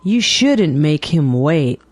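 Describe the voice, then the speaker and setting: A woman reading everyday dialogues aloud for English learners with clear, deliberate enunciation. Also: deep voice, big pitch swings, dry recording. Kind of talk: slow scripted dialogue reading.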